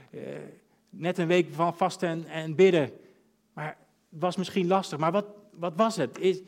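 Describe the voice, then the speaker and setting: A man in his thirties preaching a sermon, earnest, moving between hushed, intimate passages and emphatic urging. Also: fairly high pitch. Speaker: pastor.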